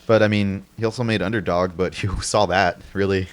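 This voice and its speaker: A man with a lowish voice co-hosts a podcast and talks movies casually. He rambles and restarts his sentences often, leaning on fillers as he thinks aloud. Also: fairly even intonation, a little fast, clean tone. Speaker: podcast co-host. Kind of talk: casual chat about movies.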